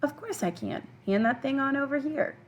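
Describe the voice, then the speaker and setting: A woman reading the lines of a quiet, kind old man in a children's storybook. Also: medium pitch, expressive, a little fast, lightly acted. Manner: terse, few words.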